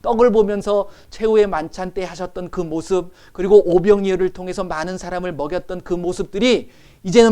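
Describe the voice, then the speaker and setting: A man preaches with a somewhat high voice, pressing his congregation with rhetorical questions. He moves between loud, emphatic lines and soft asides, keeping the sermon animated. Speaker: pastor.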